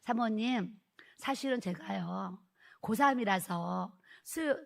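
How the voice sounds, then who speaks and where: A woman preaching in a church, telling a story with animated quotes and frequent laughter. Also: mid-range voice, slow, creaky. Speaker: pastor's wife preaching. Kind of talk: sermon testimony storytelling.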